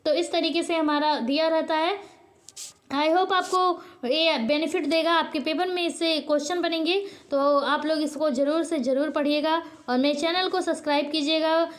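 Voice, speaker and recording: A woman with a high, light voice explains a lesson to her channel's viewers. She drills each point by posing a question and answering it at once. She often pauses and corrects herself mid-word. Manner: frequent hesitations and self-corrections. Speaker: teacher; channel host.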